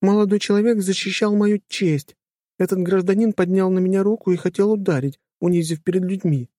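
A man voicing a confident young woman lawyer in an audiobook, composed and quick-witted. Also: high voice, steady tone, dark tone, no echo, clean studio sound, pitched above the performer's own voice, natural voice. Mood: firm. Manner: poised, mocking, composed. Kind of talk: audiobook character voice.

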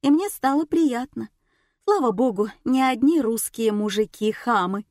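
A woman's voice: on the high side, animated, a little slow, darkish tone, no room sound, clean studio sound. Woman reading a comic audiobook. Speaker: audiobook narrator. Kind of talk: first-person audiobook narration.

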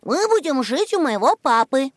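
A man doing a high wooden puppet boy. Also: big pitch swings, normal speed, no room sound, studio quality. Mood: calling. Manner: calling out loudly.

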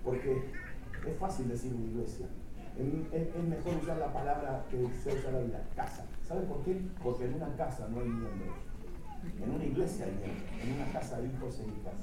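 A woman's voice: very deep voice, brisk. Woman preaching in an echoey hall. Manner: emphatic storytelling, keeps questioning the congregation. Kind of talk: sermon. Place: large church hall with congregation. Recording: echoey church hall from far off with crowd and noise.

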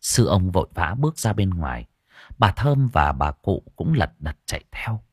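A man's voice: deep voice, normal speed, husky, no room sound. A man narrating a horror folk tale as an audiobook storyteller, close to the mic. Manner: expressive storytelling.

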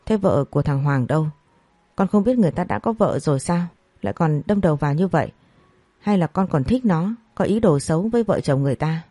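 A woman's voice: on the low side, lively intonation, brisk, warm tone, dry recording, soft background music. A woman voicing an angry, heartbroken middle-aged mother scolding her daughter.

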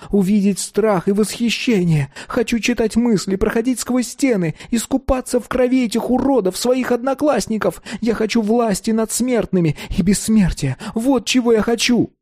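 A man reading an audiobook voices an anxious, eager fifteen-year-old boy who rushes his words. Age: 15 (figure). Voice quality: high, pleading, breathless voice. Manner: earnest and rushing, voice climbing when excited. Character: anxious, eager teenage boy obsessed with vampires. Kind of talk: audiobook character voice.

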